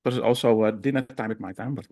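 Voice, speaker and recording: Halting man on a video call. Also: lowish voice, vocal fry, mellow. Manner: halting, many fillers and restarts. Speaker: discussion participant. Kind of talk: online seminar discussion.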